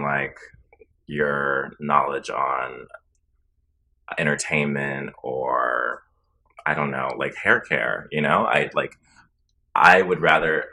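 Podcast guest: man, extremely deep buzzy fry voice, monotone, bright edge, chatty. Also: a little hiss or hum. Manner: chatty, many filler likes. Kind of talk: casual chat.

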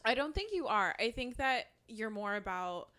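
Woman, casual podcast chat, teasing, giggly, animated pitch, bright. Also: normal speed. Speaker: podcast co-host.

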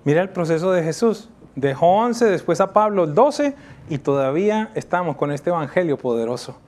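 Pastor guy preaching in a church, slightly high voice, gets loud and animated, slows way down for bible verses. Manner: animated preaching, voice rising for emphasis; slows down to read scripture. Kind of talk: sermon.

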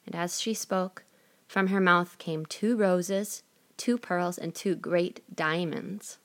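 A woman reading a fairy tale aloud in a slow, calm storybook manner. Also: lowish voice. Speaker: narrator.

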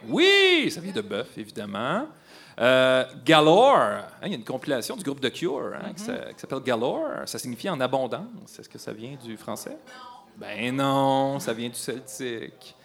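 A man's voice: mid-range voice, expressive, moderate pace, gravelly. A man with a Quebec French accent hosting a playful quiz on air, teasing and laughing between questions. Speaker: radio quiz host.

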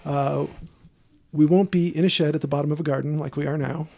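Gravelly, higher-voiced male podcast host. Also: steady tone, a little fast, warm tone. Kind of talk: casual podcast chat. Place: small garden shed.

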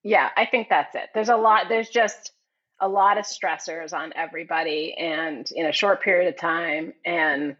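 A woman's voice: fairly low pitch, moderate pace, a bit bright, dull audio. A woman in her forties co-hosting a podcast, chatting casually and joking in a mock-formal way. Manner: chatty, laughs often, mock-formal jokes. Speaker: podcast co-host. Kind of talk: casual chat.

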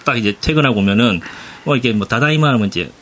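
A man's voice: medium pitch, lively intonation, quick pace, fairly bright tone, a little hiss or hum. A man in his thirties chatting casually on a gaming podcast, rambling with fillers and restarts. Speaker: podcast panelist. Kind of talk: casual chat.

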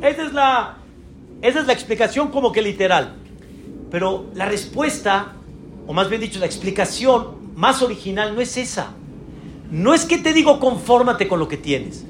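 A man's voice: high-pitched, lively intonation, moderate pace, a little hiss or hum. A man, a rabbi giving an emphatic sermon full of rhetorical questions and exclamations.

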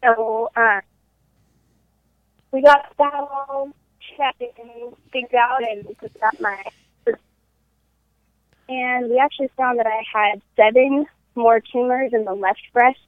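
A woman's voice: on the high side, steady tone, slow, pauses often, no echo. A woman in her twenties speaking as a podcast guest over a conference call phone line, upbeat and candid. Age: 20s. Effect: heard over a conference call phone line. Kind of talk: casual interview talk. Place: at her parents' house. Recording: tinny phone line, dry.

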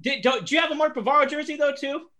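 A man's voice: extremely high pitch, fast, sharp tone. A man hosting a casual interview, playful and joking, often breaking into laughter. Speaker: interview host.

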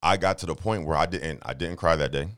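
A man's voice: rumbling low, quick pace, fairly bright tone. A man, telling personal stories in a casual chat, rambling with lots of fillers and swearing. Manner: rambling, profane, lots of "like" and "you know what I'm saying".

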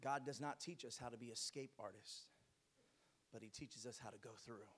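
A man's voice: mid-range voice, brisk, fairly bright tone. A man preaching a sermon to a congregation, exhorting them emphatically with rhetorical questions and repeated phrases.

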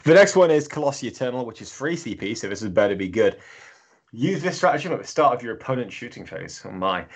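Ein Mann, der im lockeren Gespräch Spielregeln erklärt, mit vielen Füllwörtern und Neuanfängen. Seine Stimme klingt hohl und dumpf wie in einem Goldfischglas, weil er sich zu nah ans Mikro lehnt. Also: male voice, mid-range voice, big pitch swings, quick pace. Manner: explains rules with many fillers and restarts. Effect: hollow, boxy fishbowl sound from leaning into the mic. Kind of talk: casual chat.

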